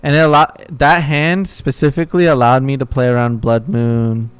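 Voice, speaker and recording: A man streaming a card game live, talking to himself and his viewers, swearing at bad luck and muttering quietly between outbursts. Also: mid-range voice, fairly even intonation, normal speed, clean tone.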